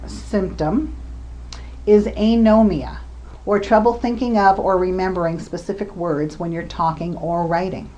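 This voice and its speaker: A recorded lecture on communication disorders features a woman researcher who explains her points, illustrates them with examples, and uses the occasional filler. Her medium-pitched voice has a darkish tone, with slight background noise present.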